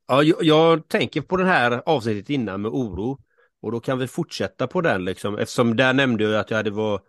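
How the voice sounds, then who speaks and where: A man's voice: lowish voice, fairly bright tone, no room sound, clean studio sound. A man co-hosting a podcast, telling a personal story earnestly, with emphatic repeats and asides to the listener. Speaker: podcast co-host, coach. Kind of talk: casual podcast chat.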